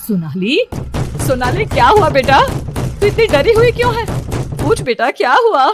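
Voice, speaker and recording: A woman voicing a caring middle-aged mother who anxiously wakes and gently scolds her grown daughter, over loud music. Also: sits high, big pitch swings, normal speed. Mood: worried.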